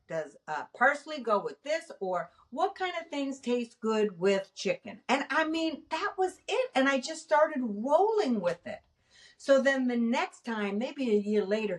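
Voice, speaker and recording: A middle-aged woman hosting a casual talk show, animated and self-mocking, acting out her own past thoughts. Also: fairly high pitch, recorded from a distance. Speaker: nurse and podcast host. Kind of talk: casual chat.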